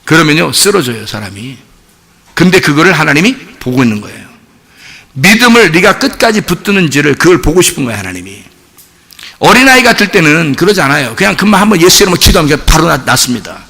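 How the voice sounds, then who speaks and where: High, animated, bright male preacher. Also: quick pace. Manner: animated, rhetorical questions to the congregation, bursts of shouting. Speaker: pastor. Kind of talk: sermon. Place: church.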